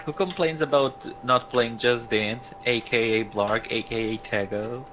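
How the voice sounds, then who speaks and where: Brief: lower-voiced man, mocking friend, heard off-mic in an echoey room with clear background noise. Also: measured pace. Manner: mocking, dismissive teasing. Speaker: streamer's friend. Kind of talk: casual argument. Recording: roomy, noisy, off-mic.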